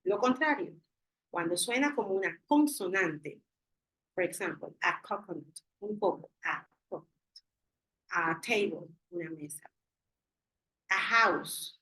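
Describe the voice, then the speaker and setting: A woman's voice: lowish voice, fairly bright tone, breathy edge, rough recording. A woman teacher explains English grammar in a video-call class, switching between Spanish and English and working patiently through one example after another.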